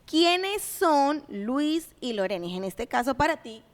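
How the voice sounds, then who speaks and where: Woman host, lively and welcoming, a bit high-pitched, echoing hall. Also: takes it slowly. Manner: upbeat and welcoming, playful with guests. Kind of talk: church livestream talk show hosting. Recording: reverberant hall.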